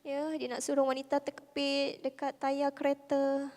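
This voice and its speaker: A Malaysian woman speaking with a Malaysian Malay accent, giving a lively, conversational religious talk to a convention audience in a soft voice, full of rhetorical questions. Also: high voice, normal speed. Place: large convention hall. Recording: hall reverb from the venue.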